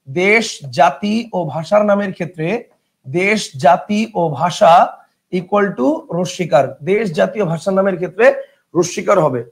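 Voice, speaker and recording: A Bangladeshi man teaching an online grammar class, his voice pitched high with a gravelly edge. He talks casually, repeats each rule several times, and keeps asking the students whether it is clear. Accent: Bangladeshi colloquial Bengali. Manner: chatty, repetitive drilling, checks if students understand; reads out student questions from chat. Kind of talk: online exam-prep class.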